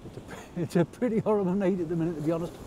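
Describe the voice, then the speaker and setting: High-pitched, very fast and dark in tone, a North East English man narrates his fishing vlog from night-time rocks in wind and rain. He keeps it chatty, understated and self-deprecating. The camera's outdoor audio catches faint wind.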